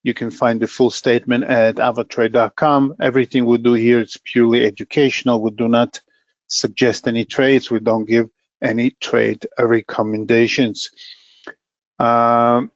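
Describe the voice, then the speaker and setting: A middle-aged man presenting a trading webinar as an account manager, talking plainly with many pauses and fillers and a dry sense of humor. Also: medium pitch, level tone, no room sound. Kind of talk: educational market webinar. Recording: dull lo-fi dry webinar audio.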